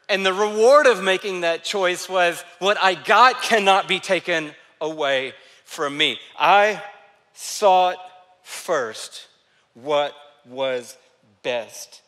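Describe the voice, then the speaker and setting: A male pastor delivers a sermon with animated storytelling and slows to a hush when quoting. His voice is bright and pushed forward, pitched a little high for a man. It carries a long reverb from a large hall. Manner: animated storytelling, dropping soft for quoted lines.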